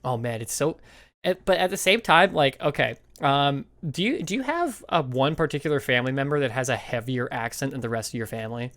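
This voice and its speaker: A man's voice: mid-range voice, animated, brisk, a bit bright. A man from Canada co-hosting a podcast in casual chat, talkative and laughing often, with lots of "you know"s. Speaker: podcast co-host.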